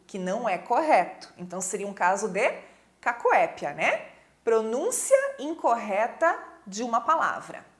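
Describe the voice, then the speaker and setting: With a fairly high, slightly bright voice, a woman teacher who has a Brazilian Portuguese accent delivers a recorded lesson. Her approach is patient and explanatory, and she frequently makes sure students are keeping up.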